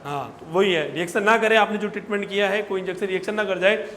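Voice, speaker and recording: Man, veterinary teacher, high voice, scolding, quizzing, reverberant classroom. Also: fairly even intonation, quick pace, fairly bright tone. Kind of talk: classroom lecture. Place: large echoey classroom. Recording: echoey hall, long reverb.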